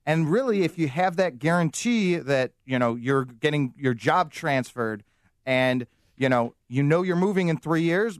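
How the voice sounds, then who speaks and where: A man's voice: a little high, dry recording, studio quality. A man, a mortgage guest confidently explaining loans on a radio show.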